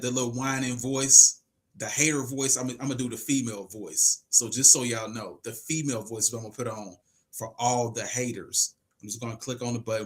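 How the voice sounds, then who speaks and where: This is a forties-aged male podcast host on a casual livestream, voicing comments from the chat and arguing his point with emphasis and rhetorical questions. His voice is mid-range and a bit bright.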